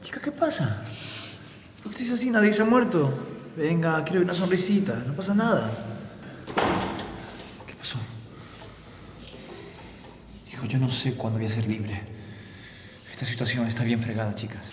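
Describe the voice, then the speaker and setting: A man's voice: a little high, sing-song, moderate pace, pauses often, noisy background. An actor playing a detained adoptive father, firm and reassuring, taking charge of those around him. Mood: consoling. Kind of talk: telenovela acting. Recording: roomy with long reverb.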